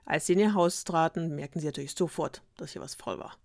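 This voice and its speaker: Woman storyteller, lowish voice, dry close sound, ironic and slangy. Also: fast, vocal fry, a little mellow, no room sound. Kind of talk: casual fairy-tale retelling.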